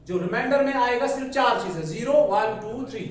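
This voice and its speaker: High-voiced man teaching in an echoey classroom. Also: animated, fairly quick. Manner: explains step by step, asks the class questions and has them answer; mixes English into his sentences. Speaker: maths teacher. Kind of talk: classroom lecture. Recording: echoey classroom from far off with faint noise.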